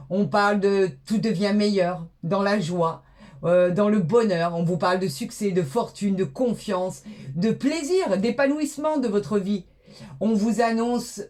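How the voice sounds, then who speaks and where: A woman's voice: medium pitch, darkish tone. Sex: woman. Role: tarot reader. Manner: enthusiastic, exclaiming, full of hesitations. Style: tarot reading for viewers.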